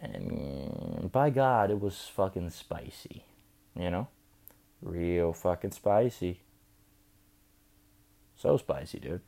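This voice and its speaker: Young man, drunk and slurring, deep-voiced, swearing casual storyteller. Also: animated, takes it slowly, creaky, pauses often, dark tone. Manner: loose, profane, chatty. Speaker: vlogger. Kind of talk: rambling storytelling.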